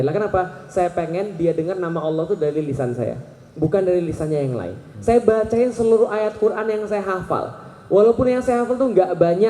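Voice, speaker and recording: A man in his thirties giving a lively religious talk to a live audience, questioning the crowd and joking. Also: high voice. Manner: animated, asks the crowd questions and jokes. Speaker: Islamic preacher. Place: large hall with an audience. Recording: echoey hall recording.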